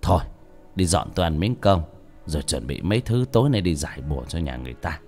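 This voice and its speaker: A man voicing a resolute old exorcist who speaks in a grave, calm, resigned way, in an audiobook. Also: rumbling low, fast talker, faint music behind, voice pushed down, exaggerated voice.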